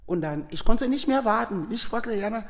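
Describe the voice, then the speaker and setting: A woman's voice: a little high, moderate pace, in a large hall. A middle-aged woman from Leone, a guest telling a personal story with feeling and acting out the dialogue, speaking. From Sierra Leone. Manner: animated, acts out quoted dialogue.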